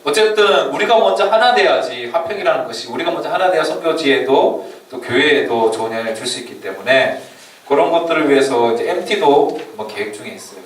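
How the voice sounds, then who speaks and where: A man giving an informal orientation lecture to church youth before a mission trip, chatty and quick to laugh. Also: fairly high pitch, lively intonation. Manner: chatty, laughs often, leans on fillers while explaining. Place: church meeting room or hall. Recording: echoey hall from far off, faint room noise.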